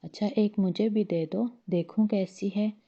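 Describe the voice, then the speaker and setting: Storybook duck wife voiced by a woman, nagging, scolding, slow, dull lo-fi sound. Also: mid-range voice, steady tone, dark tone. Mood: pleased.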